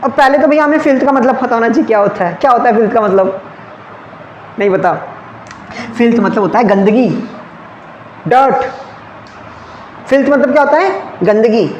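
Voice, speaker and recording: A male teacher runs an exam-prep grammar lesson, firing questions at the class and answering them himself. He keeps checking whether everyone has followed. His voice rings around a reverberant classroom over a faint steady hum. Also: extremely high pitch, moderate pace, pauses often, lo-fi sound. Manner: checks often with "clear?" and "okay". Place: classroom with ceiling fans. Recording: echoey room, faint background hum.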